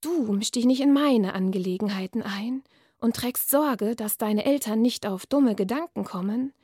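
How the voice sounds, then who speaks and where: A woman reading from her novel, voicing a sly, sinister night creature in a slow, coaxing, half-whispered hiss. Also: on the high side, mellow, dry recording, studio quality, natural voice.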